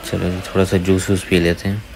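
A man's voice: sits low, flat delivery, a little fast, vocal fry, background noise. A man giving casual gameplay voice-over commentary, talking to viewers as brothers. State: dry throat from talking. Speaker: gaming YouTuber. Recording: faint gunfire under the voice.

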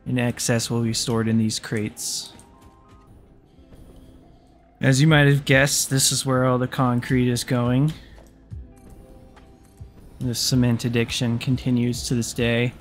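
A man's voice: medium pitch, little pitch movement, slow, long pauses, soft background music. A young man giving casual, jokey commentary over his factory-building gameplay, swearing freely. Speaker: gaming YouTuber.

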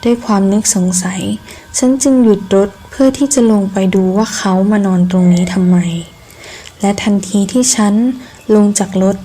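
A woman reading a scripted first-person ghost story in measured, deliberate phrases with pauses. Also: mid-range voice, mellow. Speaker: horror story narrator.

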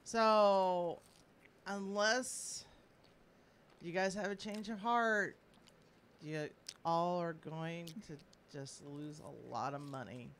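A woman's voice: fairly low pitch, takes it slowly, pauses often, a little hiss or hum. A woman co-host in casual, opinionated chat, repeating her points for emphasis. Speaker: show co-host.

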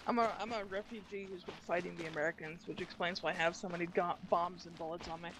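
A man with a very high voice, joking crudely and getting excitable in a game voice chat. Steady game noise sits behind him. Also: fast talker. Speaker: game player. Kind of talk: casual gaming voice chat.

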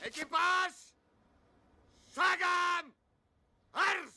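An actor playing a bold, defiant submarine officer who barks drawn-out parade-ground commands in a film drama. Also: male voice, on the high side, lively intonation, background noise, lightly acted. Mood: rousing, shouting.

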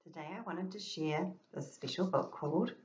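A woman, a teacher, reading a picture book aloud to children with expressive gasps and sing-song chants. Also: fairly low pitch, moderate pace, echoey room, lo-fi sound. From New Zealand. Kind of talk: storybook read-aloud for kids.

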